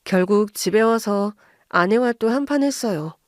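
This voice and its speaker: A woman reading a scripted story in a calm, even storytelling manner, recorded dry and close. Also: mid-range voice, moderate pace, no echo. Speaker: story narrator.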